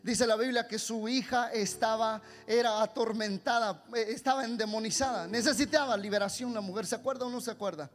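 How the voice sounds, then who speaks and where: High-voiced, fervent male pastor preaching. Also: brisk, hardly any pauses. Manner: fervent preaching, swinging from hushed to shouting; repeats words and restarts often. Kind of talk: sermon.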